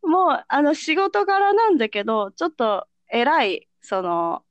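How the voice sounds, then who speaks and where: A woman, chatting casually as a podcast co-host, quick to laugh and react. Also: sits high, no room sound, dull audio. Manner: laughs often, lively reactions. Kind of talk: casual chat.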